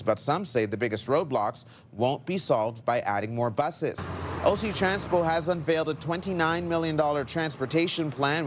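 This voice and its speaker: A man's voice: medium pitch, slight background noise. A man with a Canadian accent reading scripted news as an anchor.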